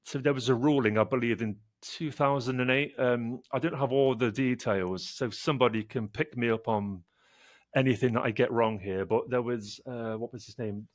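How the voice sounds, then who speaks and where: A man's voice: mid-range voice, fairly even intonation, moderate pace. Man telling wry stories. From United Kingdom. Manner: wry anecdotal storytelling with acted-out asides. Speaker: podcast guest. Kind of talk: casual chat.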